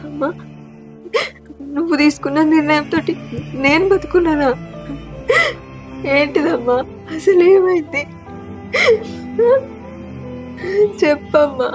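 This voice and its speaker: A woman's voice: high-pitched, measured pace, pauses often, over music. A woman playing a sobbing young daughter. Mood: desperate. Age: young adult. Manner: sobbing, pleading speech. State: crying. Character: young married daughter, tearful, pleading, defiant. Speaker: married daughter.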